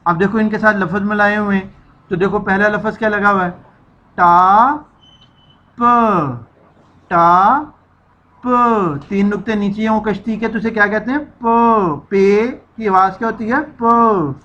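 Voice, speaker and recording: A woman's voice: mid-range voice, a little slow, a bit bright, highs cut off. A woman teacher giving a children's reading lesson, stretching out syllables and repeating each sound for the children to echo.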